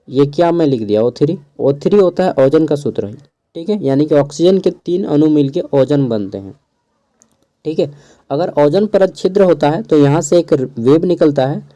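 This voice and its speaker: Soft-voiced male tutor, very dark tone. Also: on the high side. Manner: chatty, digresses with asides and chuckles; keeps his voice down so neighbours won't hear. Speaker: teacher going over an exam paper. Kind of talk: casual spoken exam lesson. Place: small room at home next to others.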